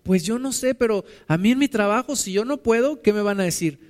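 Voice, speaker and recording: High-voiced pastor preaching dramatically. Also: male voice, lively intonation, brisk. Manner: dramatic, swings between hushed and loud. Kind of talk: sermon.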